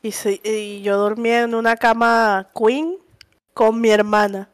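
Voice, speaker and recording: A woman with a Venezuelan accent, co-hosting a podcast and telling animated stories with frequent laughter. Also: on the high side, unhurried, clean tone. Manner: animated, laughs often, acts out quotes in raised voice. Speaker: podcast co-host. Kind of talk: casual storytelling chat.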